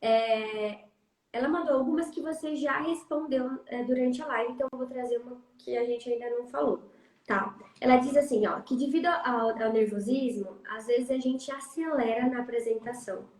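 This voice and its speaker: A woman's voice: on the high side, fairly even intonation, moderate pace, a little mellow, echoey room, rough recording. A Brazilian woman hosting a livestream on a video call, chatting casually and reading out questions from viewers. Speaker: livestream host. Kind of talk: casual chat.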